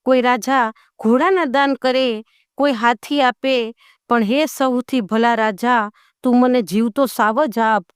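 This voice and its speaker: A woman voicing an old bard who loudly recites praise verses to a king in a folk tale. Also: a little high, steady tone, takes it slowly, smooth, dry recording, studio quality. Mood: declaiming.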